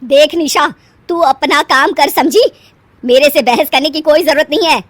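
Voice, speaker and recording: A woman voicing a bossy middle-aged stepmother who scolds loudly and favours her own son, in a storybook tale. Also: high-pitched, big pitch swings, normal speed, no echo. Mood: scolding. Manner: scolding, loud and commanding. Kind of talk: storybook voice acting.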